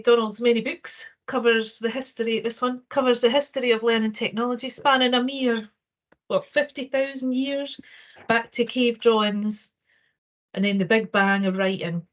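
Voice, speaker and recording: Female webinar host, Scottish accent, medium register, semi-scripted presenting over an online call. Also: mid-range voice. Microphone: online video call.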